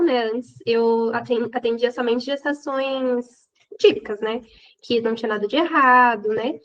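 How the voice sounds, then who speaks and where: A woman guest with an interior São Paulo accent, talking in an earnest, reflective way that often ends on "né?". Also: high-pitched. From Brazil. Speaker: guest physiotherapist. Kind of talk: casual interview chat. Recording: dull lo-fi sound.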